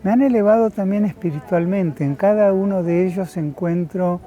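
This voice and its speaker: A man, speaking slowly and thoughtfully about his life, often pausing with filler sounds. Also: high-pitched, mellow, muffled recording. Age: 70s. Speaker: interviewee. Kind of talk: reflective personal testimony.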